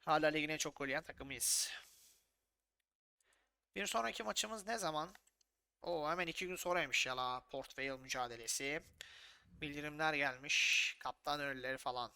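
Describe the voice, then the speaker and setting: A man narrates his football video game session and calls the match himself. His voice is bright and clean. He is excitable and swears freely, scolding his players and then announcing goals like a match commentator. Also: on the high side, moderate pace, long pauses, smooth. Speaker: gaming YouTuber. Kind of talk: casual gameplay commentary.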